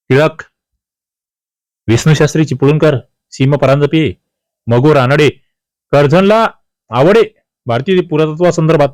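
A mid-pitched, slightly mellow man coaches a learner through exam questions, asking each and then providing the answer like a teacher. It's a dry recording with hardly any room sound.

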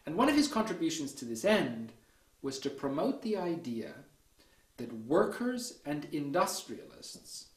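A man delivering a university history lecture in a measured, deliberate way, often checking in with "okay" and starting points with "so". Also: a little high, sing-song. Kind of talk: academic lecture. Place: lecture room. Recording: echoey lecture room.

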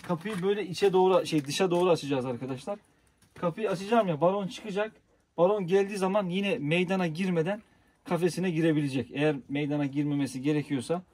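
A man's voice: a little high, fast, darkish tone, slight background noise. A man casually vlogging outdoors, chatting to viewers as he shows his yard and dogs. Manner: chatty, addresses viewers as friends. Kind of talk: casual outdoor vlog narration.

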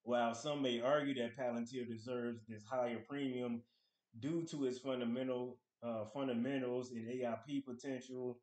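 A man's voice: medium pitch, darkish tone. Man chatting stocks in an echoey room. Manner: conversational, reads article excerpts aloud and comments. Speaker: finance channel host. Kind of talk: casual stock analysis talk to camera. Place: small room at home.

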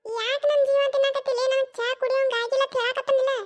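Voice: very high-pitched, little pitch movement, slight background noise. A performer voicing a grumpy, stubborn older mother-in-law in a cartoon comedy skit, scolding in a North Karnataka Kannada accent. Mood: irritated. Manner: scolding, refuses stubbornly, drawn-out retorts.

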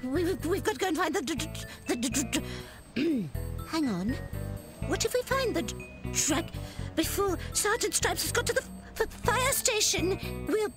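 Timid cartoon giraffe: high, slow, stuttering, hesitant and easily frightened. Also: female voice, sing-song, exaggerated voice. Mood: nervous. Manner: stammering, hesitant, fretful. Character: timid, nervous, dithering female giraffe officer. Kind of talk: children's cartoon acting. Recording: music under the dialogue.

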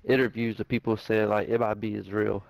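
A man's voice: fairly low pitch, flat delivery, a little fast, creaky, no echo. A man chatting casually with friends in loose slang, often tagging on "you know what I'm saying". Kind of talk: casual chat among gaming friends.

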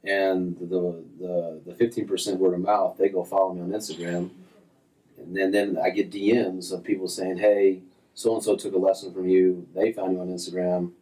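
A low-pitched golf instructor in his thirties talks at a moderate pace as a guest in a casual interview. He's relaxed and rambling, often using fillers and restarting sentences. The setting is a small office with framed diplomas, and he's far from the mic on a low-quality recording.

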